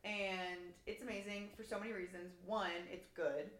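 A woman's voice: mid-range voice, steady tone, normal speed, fairly bright tone. Young woman, co-host, bubbly and rambling, echoey room. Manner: bubbly, rambling, stumbles over words. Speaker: podcast co-host. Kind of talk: casual chat. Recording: roomy echo.

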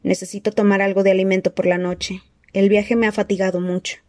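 A cold, frail dark lord who hisses his threats slowly and softly, as a woman puts him on. His tone sits dark and mellow, recorded close and dry with no room around it, in a storybook reading. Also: mid-range voice, flat delivery, no echo, close to an everyday voice. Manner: slow hissing soft threats. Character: cold menacing weak dark-lord man.

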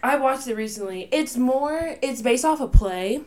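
A woman's voice: high-pitched, animated, normal speed, over a noisy crowd. Chatty woman tripping over names. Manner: stumbling over names, apologetic, laughs often. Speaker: podcast co-host. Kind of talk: casual chat.

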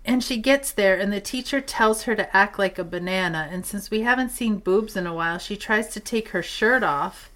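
A woman co-hosting a podcast, chatting casually about a film in an animated, exasperated way and laughing often. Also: medium pitch, normal speed, hardly any pauses. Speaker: podcast co-host. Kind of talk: casual chat reviewing a film.

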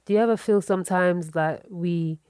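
A woman's voice: fairly low pitch, normal speed, a little mellow, clean tone, no room sound, clean studio sound. A woman with a Nigerian accent hosting a podcast, chatting in a friendly way with short affirmations. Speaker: podcast host. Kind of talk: casual interview chat.

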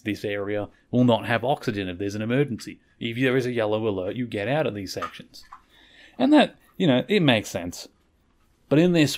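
A podcast host with a fairly low, slightly mellow voice recaps an episode in a chatty, rambling way, often correcting himself as he goes.

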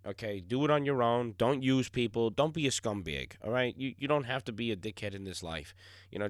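A young man hosting his own podcast, talking in a blunt, casual monologue full of swearing and filler words, his voice still slightly hoarse. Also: fairly low pitch, fairly bright tone, no room sound, clean studio sound. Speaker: podcast host.

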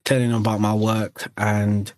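A man's voice: on the low side, little pitch movement, moderate pace, darkish tone, no room sound. A young man from Eritrea and Sudan, telling rambling anecdotes in casual chat with many restarts. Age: young adult. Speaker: podcast guest.

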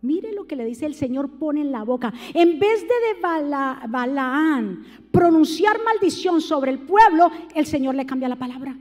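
Woman pastor preaching, really high voice, goes quiet then shouts at the church, lots of questions to the crowd, echoey hall. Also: animated. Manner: swings from hushed asides to loud, drawn-out shouted appeals; addresses the congregation directly with questions. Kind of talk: evangelical sermon. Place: church sanctuary. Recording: long hall reverb.

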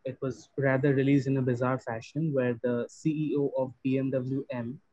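A man's voice: little pitch movement, normal speed, mellow, dry recording. A man giving an explanatory, casual recap of motorsport news as a podcast panelist. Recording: dry, muffled low-fi audio.

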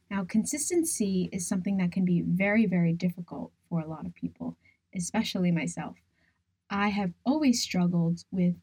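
Female podcast host, mellow and smooth, dry close studio sound, earnest explainer delivery. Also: medium pitch, no echo. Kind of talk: scripted solo podcast talk.

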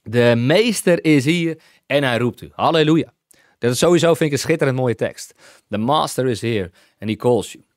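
Man preacher, emphatic and repetitive, slightly high voice, dry close sound. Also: no room sound. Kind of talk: sermon, Bible teaching.

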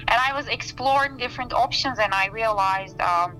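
A woman in her thirties from Turkey, speaking English with a Turkish accent, talking thoughtfully about her research and often pausing to find her words. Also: fairly high pitch, pushed and bright, soft background music, poor audio. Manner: thoughtful, searching for words with frequent fillers. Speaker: researcher, interview guest. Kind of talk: casual interview talk. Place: outdoors by a campfire.

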